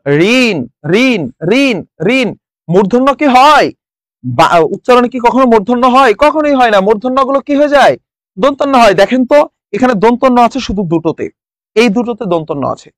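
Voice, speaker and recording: A man's voice: very high-pitched, animated, fairly quick, dry recording. A young man from Bangladesh teaching a live exam-prep class online, quizzing students and repeating the answers. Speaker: online tutor.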